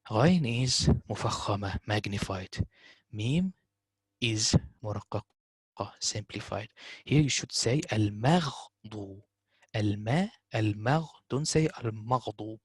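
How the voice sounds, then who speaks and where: A man teaching a tajweed lesson, slowly repeating words to show correct pronunciation. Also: mid-range voice, breathy edge, no echo. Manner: explains slowly, repeating words in Arabic recitation. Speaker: Quran recitation teacher.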